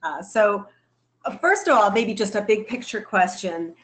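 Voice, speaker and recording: A woman hosts a webinar Q&A, polite and measured as she invites questions and asks her own. Her voice sits at an ordinary middle pitch. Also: lively intonation, fairly bright tone. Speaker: webinar moderator. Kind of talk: moderating a webinar Q&A.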